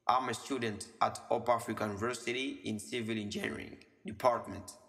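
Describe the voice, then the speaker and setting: Guy in his 20s teaching english, says the examples slow and twice, echoey reverb-y room. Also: on the low side, fairly even intonation, pushed and bright. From DR Congo. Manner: slows down and repeats the English example phrases. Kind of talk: language lesson explained in French.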